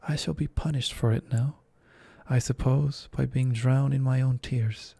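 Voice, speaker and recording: Here the same whispered role-play continues: a soft-spoken man reading a storybook voices an eager, polite, talkative little girl who wants to please. The sound is mellow, gravelly and low-key, close-miked and dry, with a steady tone and a measured pace.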